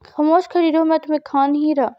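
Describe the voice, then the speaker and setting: A woman's voice: high-pitched, level tone, dry recording, muffled recording, close to an everyday voice. A woman reading the part of a stern, cold male boss who speaks in curt commands.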